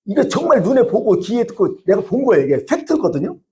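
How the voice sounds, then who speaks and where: A male pastor with a high, fast voice preaches a sermon built on lively storytelling. He keeps asking the congregation rhetorical questions.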